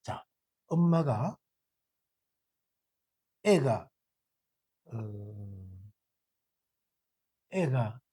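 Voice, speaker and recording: Husky Buddhist teacher with a Gyeongsang accent. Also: male voice, medium pitch, very slow, pauses often. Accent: Gyeongsang Korean. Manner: lively, asks the audience rhetorical questions. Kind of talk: sermon. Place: temple dharma hall.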